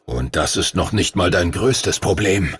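A man voicing an ancient, gruff male dragon mentor who speaks slowly and gravely in a deep, stern voice. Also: animated, full character voice. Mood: scolding. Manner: stern, scolding, ominous.

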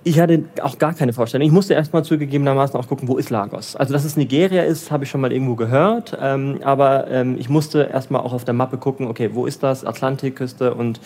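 A man from Germany, raised in Bavaria and now a development finance professional in Lagos, talks about his career in a relaxed interview. His mid-range, slightly mellow voice moves quickly with hardly any pauses, though he hesitates often, restarting sentences and filling gaps as he thinks aloud.

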